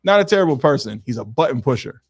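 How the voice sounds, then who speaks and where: A man's voice: medium pitch, quick pace, breathy edge. A man in his forties co-hosting a podcast, telling stories casually and acting out other people's lines. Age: 40s. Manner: animated storyteller, acts out others' voices. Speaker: podcast co-host. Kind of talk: casual chat.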